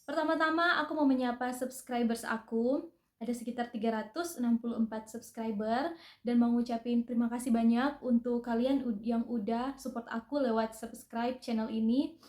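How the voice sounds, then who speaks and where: A young woman vlogger talks in a friendly, chatty way, slipping in small hesitant fillers as she goes. Her voice sits a little high. The room around her adds a clear echo. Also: steady tone, moderate pace, darkish tone. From North Sulawesi, Indonesia. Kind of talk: casual personal vlog.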